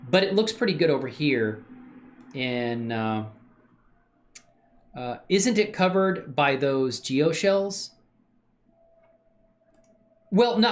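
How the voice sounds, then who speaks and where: A casual streamer works through a 3D modeling session, muttering his thoughts aloud as his pitch jumps up and down. He responds to chat using easygoing slang and plenty of filler words.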